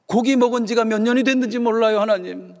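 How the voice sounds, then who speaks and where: A pastor putting on the voice of a discontented man who whines and pleads, his voice high and rough with gravel. The complaints bounce around a big reverberant church hall. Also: fast talker, a little mellow. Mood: pleading. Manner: whiny, complaining pleas.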